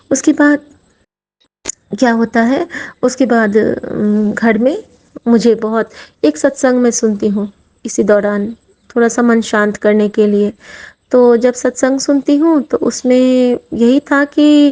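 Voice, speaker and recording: A woman's voice: fairly high pitch, mellow, low-quality recording. A middle-aged woman from Mithila, sharing a heartfelt devotional testimony and often addressing her listeners as sangat ji. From Mithila region, India.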